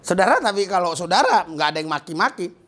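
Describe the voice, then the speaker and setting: Animated preaching man, big swings in loudness. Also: fast. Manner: animated preaching, swings between loud bursts and low asides, laughs often. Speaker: pastor. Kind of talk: lively sermon. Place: small church.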